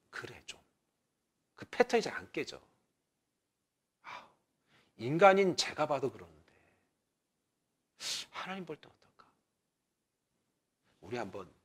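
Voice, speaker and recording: Lively high-voiced Korean pastor preaching. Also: male voice. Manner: conversational preaching, swings from loud exhortation to near whisper. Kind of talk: sermon.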